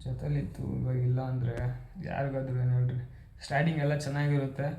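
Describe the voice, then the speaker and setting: A man talking casually to his viewers in a personal vlog, quiet and reflective. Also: medium pitch, flat delivery, quick pace, vocal fry, reverberant, slight background noise. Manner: loud and playful with family, then quiet and reflective. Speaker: vlogger. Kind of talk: casual vlog talk to camera.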